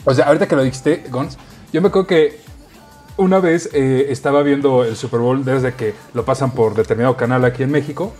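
A young Mexican man from the north chatting casually as a podcast co-host, animated and laughing often, full of slang. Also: mid-range voice, a little fast, soft background music. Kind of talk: casual chat.

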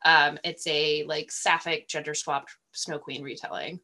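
A woman's voice: deep voice, fairly even intonation, measured pace, sharp tone. A woman chatting casually as a podcast guest, laughing often as she talks. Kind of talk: casual chat.

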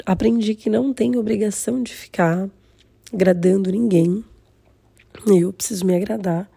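Husky Brazilian woman with a sore, swollen throat. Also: mid-range voice, steady tone, normal speed, dark tone, no room sound. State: sore, inflamed throat, swollen-tonsil voice, slightly hoarse. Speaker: vlog host. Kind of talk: confessional casual monologue.

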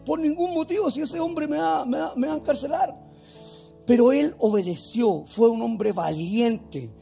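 High-voiced gravelly man preaching. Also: normal speed, mellow, soft background music. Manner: fervent preaching with rhetorical questions. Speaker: pastor. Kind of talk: sermon.

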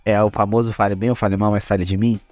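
A man's voice: on the low side, flat delivery, quick pace, a little mellow, dry recording. Slangy young man, casual podcast chat. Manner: slangy, laughs often, rambling. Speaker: podcast co-host.

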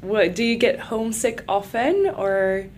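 A woman's voice: mid-range voice, measured pace, a little mellow. Chatty young Swedish woman hosting. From Sweden. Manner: chatty, laughs often. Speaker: host. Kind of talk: casual chat. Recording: faint background noise.

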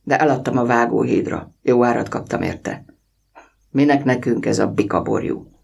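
A soft-spoken, heavy-hearted father who works on the railway, from a spoken storybook, as a male narrator plays him. He talks slowly and quietly in a low, gravelly, husky voice. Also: far from the mic. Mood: quiet sorrowful. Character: quiet sorrowful middle-aged male railway worker, a father.

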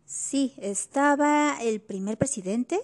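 A woman's voice: high-pitched, takes it slowly. A woman, co-hosting a casual history chat and chiming in with questions and wry jokes. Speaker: podcast co-host.

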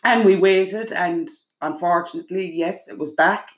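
A middle-aged Irish woman appears as a guest on her daughter's show, telling an emotional story at length in a casual chat. Her low-ish voice moves at a moderate pace through vivid, run-on narration packed with quoted exchanges she remembers. The room is echoey.

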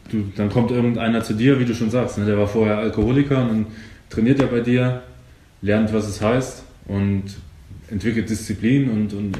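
A man interviewing a guest in a relaxed, chatty way, agreeing often and using many fillers. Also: lowish voice. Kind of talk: casual interview. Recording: echoey room with faint noise.

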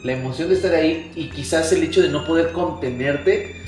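A man with a Mexican accent hosting a casual interview, playful and quick to joke and laugh. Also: on the high side, over music. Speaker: podcast host. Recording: echoey room.

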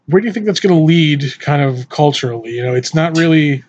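Slightly high-voiced man, wry and halting. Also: lively intonation, darkish tone. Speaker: podcast panelist. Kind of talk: casual panel chat. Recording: muffled, dull sound.

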